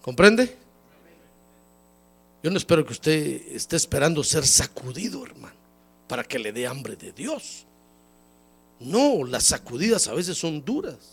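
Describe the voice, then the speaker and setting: A man, a pastor, preaching a folksy sermon and calling his listeners "brother". He has a cold, and his voice jumps up high when he acts out quoted people. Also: sing-song, a little slow, vocal fry, pauses often, a bit bright, breathy edge. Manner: folksy, repeatedly calls listeners "hermano". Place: church service.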